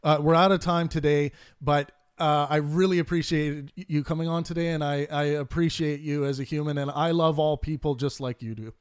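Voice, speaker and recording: A man's voice: on the high side, steady tone, brisk, few pauses, clean tone, no echo, studio quality. A man who hosts a podcast and chats casually, laughs easily and often restarts his sentences. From Canada. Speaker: podcast host. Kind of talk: casual debate chat on a live stream.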